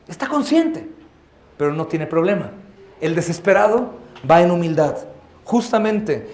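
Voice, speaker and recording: A man's voice: high-pitched, darkish tone, echoey room. A male pastor preaching a sermon with fervor, often acting out other people's voices in the scenes he tells. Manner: fervent preaching, acts out voices in quoted scenes. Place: church sanctuary.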